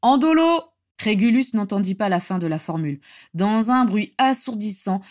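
A woman reading a story aloud in steady narration. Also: mid-range voice. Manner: steady narration with acted dialogue. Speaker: story reader. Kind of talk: reading fan fiction aloud.

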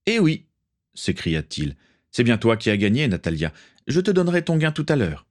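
A man's voice: medium pitch, big pitch swings, brisk, a little mellow, lightly acted. A man voicing a boisterous crewman who gleefully announces results to the crew. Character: boisterous man keeping a betting ledger.

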